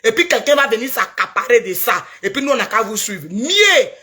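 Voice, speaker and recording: In a heated, preachy video rant, a social media commentator with an Ivorian French accent scolds someone emphatically. Her fairly high voice is very animated, brisk, pushed and bright.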